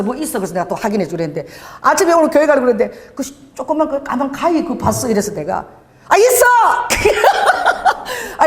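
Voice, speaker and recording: A woman's voice: high voice, long reverb tail. A middle-aged woman pastor preaching a sermon, telling a story about her husband with acted-out dialogue and laughter. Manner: lively storytelling, acts out quoted dialogue, frequent laughter. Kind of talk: sermon with personal anecdotes. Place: church hall.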